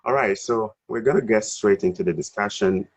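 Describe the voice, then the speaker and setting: A man's voice: on the low side, moderate pace, highs cut off. A man hosting his first online interview over a video call, friendly and encouraging. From Africa. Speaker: interview host.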